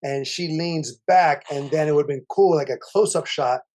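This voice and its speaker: A man co-hosting a casual movie review chat, rambling and animated, with many restarts. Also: on the high side, normal speed. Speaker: podcast co-host.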